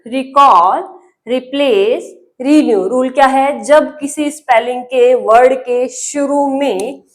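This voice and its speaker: A woman with a high voice talks slowly and deliberately through an English lesson in Hindi. She keeps asking the same questions and spells each word out letter by letter in a patient drilling way. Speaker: English teacher.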